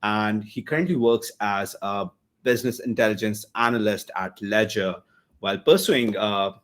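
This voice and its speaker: A man's voice: fairly low pitch, moderate pace, fairly bright tone. A man hosting an online meetup on a video call, introducing the next speaker in a chatty, joking way with fillers.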